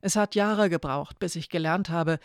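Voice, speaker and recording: A narrator reading an audiobook in a calm, even manner. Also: mid-range voice, moderate pace, dry recording, studio quality.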